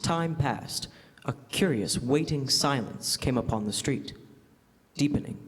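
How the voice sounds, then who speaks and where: A young man giving measured, suspenseful scripted narration in classic radio drama style. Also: medium pitch. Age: young adult. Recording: echoey stage hall.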